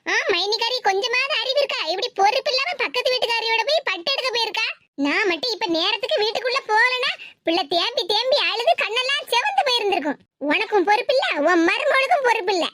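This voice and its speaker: A woman with a Tirunelveli Tamil accent voicing a tactless, quick-tongued grown daughter in an animated cartoon comedy, high and sharp as she scolds. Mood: scolding.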